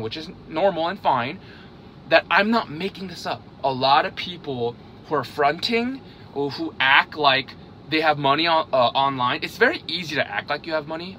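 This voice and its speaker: With a fairly high, bright, forceful voice and a bit of hiss or hum in the audio, this investing vlogger in his thirties talks casually to camera. Originally from South Korea but raised in Hungary, he checks in with "okay?" after almost every point.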